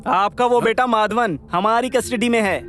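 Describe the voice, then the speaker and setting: A stern, commanding police officer. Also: male voice, high-pitched, moderate pace, faint music behind. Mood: menacing. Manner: firm, intimidating, methodical. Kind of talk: Hindi film dub. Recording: film soundtrack with loud score.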